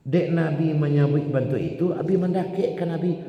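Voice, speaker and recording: A man with a Minangkabau accent preaching an Islamic sermon to a congregation. He questions his listeners directly and swings dramatically between hushed and loud emphasis. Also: a little high, moderate pace, dull audio. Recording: echoey hall reverb, faint background noise.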